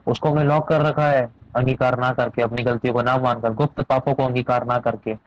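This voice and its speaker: A man's voice: medium pitch, level tone, a little fast, no room sound. A male pastor telling a story in his sermon, preaching in an emphatic, repetitive way. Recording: dull lo-fi dry recording.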